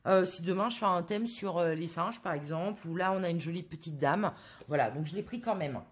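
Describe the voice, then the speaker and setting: A woman's voice: lowish voice, fairly quick. Chatty French woman showing her haul. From France. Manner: chatty, hesitant with many fillers, addresses viewers directly. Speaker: craft vlogger. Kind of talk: casual haul video.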